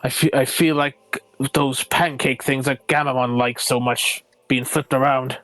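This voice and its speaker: A man playing a tabletop game in character, making measured, thoughtful suggestions. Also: mid-range voice, steady tone, a bit bright, dry recording, poor audio. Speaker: player.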